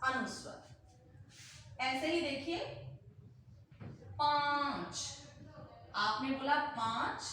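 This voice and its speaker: A woman teacher explaining a grammar lesson slowly, repeating example words aloud to demonstrate. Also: high-pitched, a bit bright, slight background noise. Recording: very echoey room, heard from a distance.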